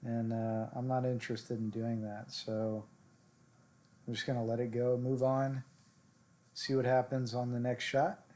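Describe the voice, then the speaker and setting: A male streamer talks through his shots, in a relaxed voice full of fillers and restarts. He answers viewers in chat directly, like he is chatting with friends. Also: mid-range voice. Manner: relaxed, self-coaching talk with fillers. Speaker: game streamer. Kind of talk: casual live-stream gameplay commentary.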